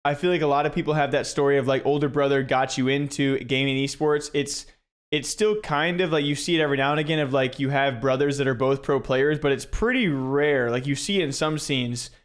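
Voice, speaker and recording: A man's voice: mid-range voice, fairly even intonation, brisk, clear, resonant tone. A man from Iowa hosting an interview, asking questions with teasing, exasperated banter. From Iowa, USA. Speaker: interviewer, host. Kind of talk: casual interview.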